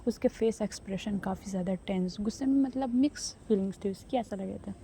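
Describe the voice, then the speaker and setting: A woman's voice: medium pitch, fast, creaky, warm tone, a little hiss or hum. A woman storyteller narrating a story in a chatty, casual way, now and then correcting herself.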